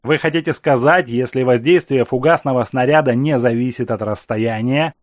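A man voicing a gruff middle-aged admiral who answers bluntly and grumbles about limits. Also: a little high, a little mellow, dry recording, studio quality, lightly acted.

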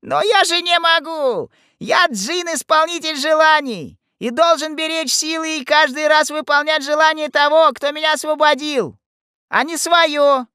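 A man voicing a grumpy old male genie in an audiobook, with a squeaky, complaining delivery. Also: measured pace, bright, forceful tone, no room sound, clean studio sound, full character voice. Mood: pleading. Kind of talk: audiobook character voice.

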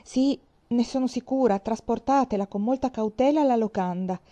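A woman's voice: fairly high pitch, normal speed, mellow, pitched above the performer's own voice, lightly acted. A woman reading aloud voicing a composed young heroine who gives urgent, commanding instructions in a crisis. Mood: insistent. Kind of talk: audiobook character voice.

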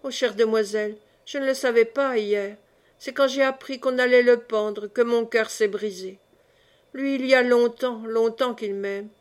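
A woman's voice: on the high side, fairly even intonation, measured pace, close to an everyday voice. A woman reading the part of a young peasant woman who speaks with naive, tearful emotion. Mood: tender.

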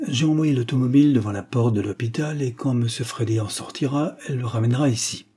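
A man's voice: medium pitch, fast talker, mellow, husky, lightly acted. A man reading the part of an old, deferential estate steward in an audiobook, earnest and easily surprised.

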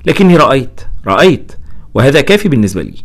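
A man's voice: on the low side, big pitch swings, fast, a little mellow. A man reading the lines of a cool, self-assured woman doctor in a narrated story, delivered coldly and firmly. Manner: cold, firm delivery.

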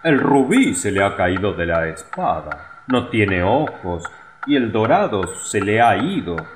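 A man voicing a vain, pompous town mayor in a storybook reading, declaiming loudly. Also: lowish voice, very animated, a little slow, roomy sound, noisy background.

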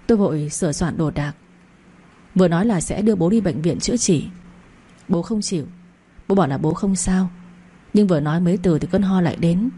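A woman's voice: fairly low pitch, a little fast, long pauses, dark tone, husky. A woman giving earnest, heartfelt first-person narration of a story.

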